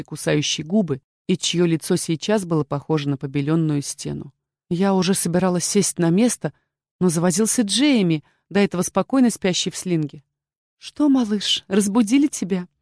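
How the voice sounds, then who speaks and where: A woman narrating a first-person novel in an even, measured way. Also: fairly low pitch, no room sound, studio quality. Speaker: audiobook narrator.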